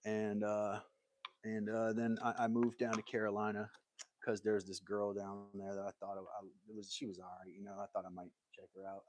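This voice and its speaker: Hosting a woodworking livestream from his workshop, this American man talks casually and ramblingly while responding to viewer comments. His fairly low voice is completely flat and fairly quick.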